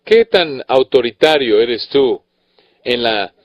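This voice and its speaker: A man's voice: mid-range voice, lively intonation, takes it slowly. A man preaching a sermon to pastors, earnest and emphatic, with rhetorical questions and frequent self-corrections. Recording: dull, dry recording.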